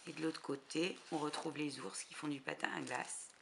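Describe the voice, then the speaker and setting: A woman's voice: sits low, steady tone, moderate pace, gravelly. A woman chatting casually through a craft haul, hesitant, with many fillers. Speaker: crafting vlogger. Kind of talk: casual haul video chat. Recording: noisy background hiss.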